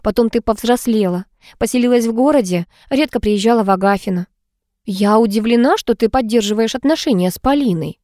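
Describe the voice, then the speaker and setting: A woman voicing a composed, educated older woman who speaks in a measured, lecturing way in an audiobook. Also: fairly high pitch, darkish tone, no room sound, clean studio sound, lightly acted.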